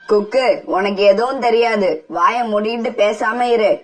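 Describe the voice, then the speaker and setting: A woman's voice: a little high, steady tone, measured pace, far from the mic. A woman voicing a stern, angry father sparrow in a cartoon, curt and harsh. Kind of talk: cartoon voice acting.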